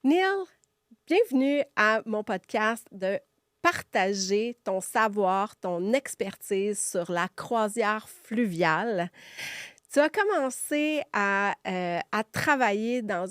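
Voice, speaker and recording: A woman's voice: medium pitch, expressive, takes it slowly, fairly bright tone, clear, resonant tone, no echo, clean studio sound. A woman with a Quebec French accent hosting a conversational podcast interview, reassuring and rephrasing as she goes. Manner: reassuring, rephrases the guest's words. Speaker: podcast host.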